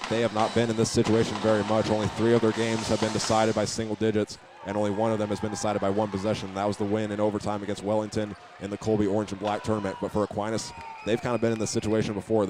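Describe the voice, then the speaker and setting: Speaking fast and in a monotone, a man with a lowish voice calls basketball play-by-play live from an indoor arena. He occasionally fumbles or repeats words, and the gym's noisy ambience sits behind him.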